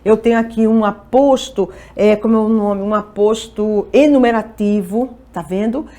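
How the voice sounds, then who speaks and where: A woman's voice: medium pitch, normal speed, dark tone. A woman teaching a Portuguese exam-review lesson, asking questions and answering them herself and often checking in with her students.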